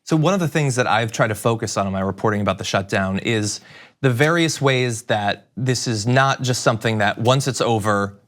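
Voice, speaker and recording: Conducting a news interview, a male talk show host with an average-pitched, slightly bright voice speaks at normal speed. Engaged and conversational, he phrases his questions at length, thinking them through aloud.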